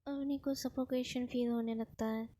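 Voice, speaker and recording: A woman telling a romance story in a chatty, casual way, slipping English words into her sentences. Her voice is soft and mellow and sits a little high. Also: steady tone, normal speed.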